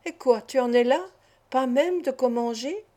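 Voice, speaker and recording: Woman reader doing a warm, playful young Parisienne; affectionate, teasing, audiobook. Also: high voice, normal speed, natural voice. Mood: tender.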